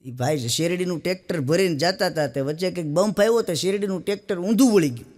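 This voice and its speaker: A man's voice: sits high, fast, darkish tone. A man from Saurashtra telling stand-up jokes, with a Saurashtra Gujarati accent and a folksy storytelling style. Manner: folksy storytelling with punchline asides. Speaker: stand-up comedian. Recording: long hall reverb.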